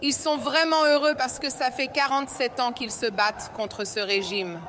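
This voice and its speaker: A woman from Iran answers a street interview in a high, bright voice. She speaks with blunt passion and does not hold back strong words. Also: steady tone, normal speed, slight background noise. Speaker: interviewed protester.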